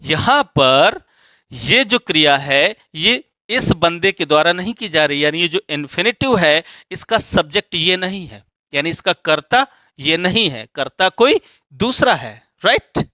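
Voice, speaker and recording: A man explains English grammar to students step by step, often stopping to ask whether they follow. His voice sits high and sounds bright and forceful. The sound is dry and close. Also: big pitch swings, unhurried, dry recording. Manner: explains step by step with frequent check questions.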